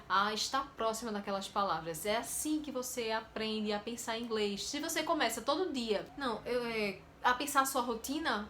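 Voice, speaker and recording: A Brazilian woman teaching English in a casual video lesson, lively and acting out inner thoughts, often repeating words. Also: on the high side, a little hiss or hum. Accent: Brazilian Portuguese. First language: Portuguese.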